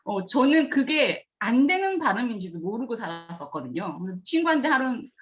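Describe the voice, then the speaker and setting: Speaking briskly on a muffled recording, this lively-voiced kindergarten director from the Gyeongsang countryside of Korea tells students her career story. Earnest throughout, she re-enacts past conversations, her pitch leaping as she does.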